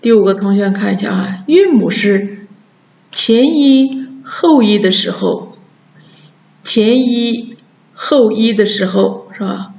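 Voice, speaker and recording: A woman teaching Chinese pronunciation, drawing out each model word slowly for her students to repeat. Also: mid-range voice, vocal fry, darkish tone. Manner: slow, drawn-out model words for repeating. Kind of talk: pronunciation lesson. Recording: dull, echoey room.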